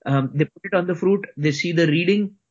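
A man's voice: high-pitched, a little fast, darkish tone, husky. A man with an Indian accent chatting casually as a co-host, explaining things and putting details right. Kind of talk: casual conversational chat. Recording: slightly dull, lo-fi audio.

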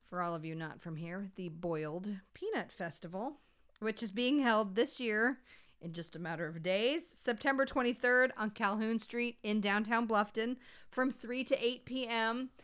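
A woman's voice: mid-range voice, moderate pace, fairly bright tone, clean tone. A woman with a Southern accent co-hosting a podcast, chatting eagerly about local events. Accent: Southern American. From South Carolina Lowcountry. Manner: chatty and enthusiastic, with Southern turns of phrase. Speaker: podcast co-host. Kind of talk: casual chat.

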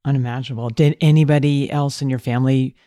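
A man's voice: medium pitch, steady tone, fast, mellow, dry recording. A man co-hosting a podcast, reading a polished scripted introduction and asking interview questions. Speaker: podcast co-host. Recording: dry close studio mic with faint music.

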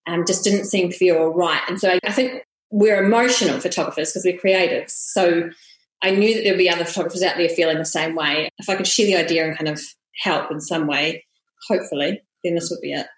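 A woman's voice: lowish voice, a little fast. A middle-aged woman speaks with a broad Kiwi accent in a conversational interview style. She sounds like a podcast guest, recorded in a roomy, echoey space. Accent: broad New Zealand (Kiwi). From New Zealand. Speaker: podcast guest, family portrait photographer. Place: room, standing with baby in arms.

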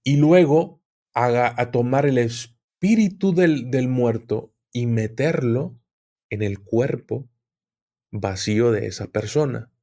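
A man guesting in an interview as an expert on occultism explains things at length, often repeating words while he searches for the right ones. His voice is medium-pitched and mellow, and he takes his time.

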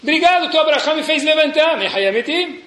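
A man putting on the voice of a jovial old great-grandfather who has risen from the dead, greeting loudly and exuberantly. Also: very high voice, animated, a little fast, pitched above the performer's own voice. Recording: echoey room.

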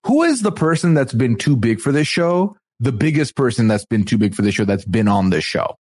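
A man's voice: medium pitch, sing-song, fairly quick, darkish tone. A man co-hosting a podcast in casual chat, playful and teasing, recapping a TV show with rambling asides. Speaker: podcast co-host.

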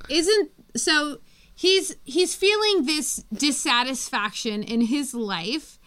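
High bright woman talking unhurriedly. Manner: thoughtful, builds points slowly with fillers. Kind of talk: casual comics podcast chat.

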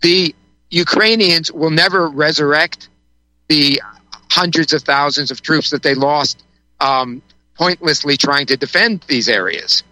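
Bright, rambling male political commentator. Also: fairly high pitch, measured pace, no echo, low-quality recording. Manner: rambling, many restarts and fillers. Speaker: guest commentator. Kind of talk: political talk-show commentary.

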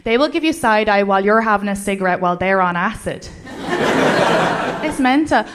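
A young woman with an Irish accent doing a stand-up comedy set, wry and deadpan with mock-outraged asides. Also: mid-range voice, a little fast, smooth. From Ireland. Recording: live club set with audience noise.

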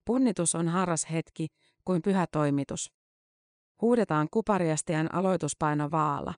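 A woman reporter reading a scripted news-feature narration in a measured, matter-of-fact way. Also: low voice, no room sound, clean studio sound.

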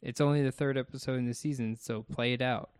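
A man's voice: mid-range voice, fairly even intonation, quick pace, smooth, no room sound, studio quality. A man co-hosting a casual podcast, talking through his thoughts about a TV episode one step at a time. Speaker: podcast co-host.

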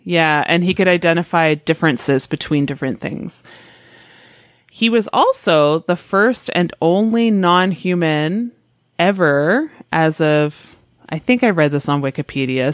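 A woman's voice: on the low side, animated, a little slow, no room sound, studio quality. A woman telling animal stories in casual podcast chat, full of fillers. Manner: chatty storytelling with many fillers. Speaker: podcast guest.

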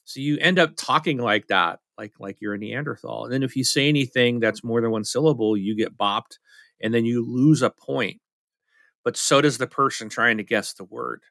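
A man's voice: mid-range voice, moderate pace, creaky, sharp tone, no room sound. A middle-aged man chatting casually as a podcast co-host, rambling and telling stories with many fillers. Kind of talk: casual chat.

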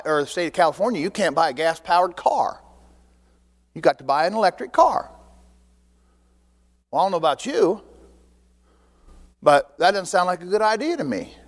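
A man preaching a sermon as pastor, in an animated, conversational way full of rhetorical questions. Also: sits high. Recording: long hall reverb.

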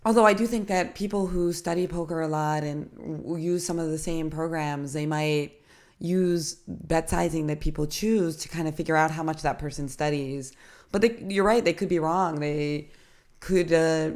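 A woman hosting a podcast, husky from a cold, asking questions in a joking, casual way. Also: deep voice, steady tone, normal speed, darkish tone. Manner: joking, asks questions, laughs at own jokes. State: sick with a cold, voice gone husky. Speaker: podcast host.

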